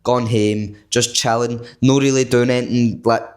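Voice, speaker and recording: Scottish man, medium-pitched, laid-back, sweary, agreeable, co-host in casual chat. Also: level tone, normal speed, a little mellow, smooth. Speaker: podcast co-host.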